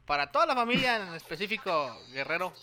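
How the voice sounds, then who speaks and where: A man's voice: high voice, very animated, a little fast, sharp tone, slight background noise. A man with a northern Mexican accent in casual, slangy, profane banter as a show co-host. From Puerto Peñasco, northern Mexico. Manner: slangy, profane, street-talk phrasing.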